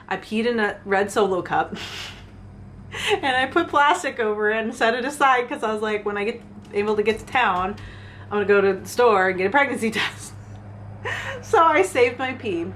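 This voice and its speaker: A woman's voice: medium pitch, a bit bright, slight background noise. A woman, candidly telling a personal story in a chatty vlog, laughing now and then. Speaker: fitness vlogger.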